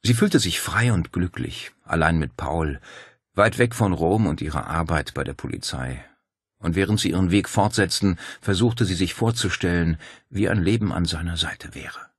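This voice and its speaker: A man narrating a novel as an audiobook, reading with lively storytelling. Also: low voice, normal speed, husky, no echo, clean studio sound.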